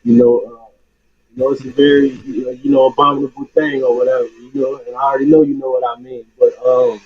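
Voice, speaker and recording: A man's voice: medium pitch, flat delivery, fast. A man calling in to a talk show over a distorted phone line, sounding muffled as if heard through a wall or hose, talking in a laid-back, slangy, rambling way. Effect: muffled, distorted phone line, as if talking through a water hose. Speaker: caller. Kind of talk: casual call-in chat.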